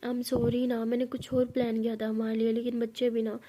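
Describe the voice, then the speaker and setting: A woman's voice: a little high, little pitch movement, fairly quick, warm tone, lightly acted. A woman voicing a patient, caring young woman who coaxes and placates the others. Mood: soothing. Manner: coaxing, placating.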